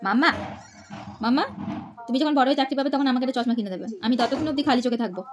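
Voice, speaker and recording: A woman's voice: sits high, racing, noisy background. A young woman filming a home vlog as a mother, narrating and chatting in playful sing-song baby talk to her toddler. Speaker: mother and vlogger.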